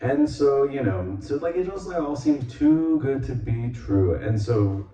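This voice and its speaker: A man hosting a podcast, recapping a movie in a rambling casual way, full of filler words and quick acted-out quotes. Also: mid-range voice, animated, dark tone. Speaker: podcast host reviewing a movie. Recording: roomy, distant, dull lo-fi sound.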